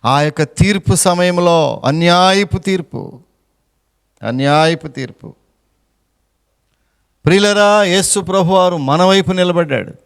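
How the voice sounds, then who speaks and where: A man's voice: high-pitched, unhurried, vocal fry, long pauses, smooth, long reverb tail. A man preaching a sermon as a pastor, with impassioned delivery, repeating phrases and slipping English words into his preaching. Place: church sanctuary.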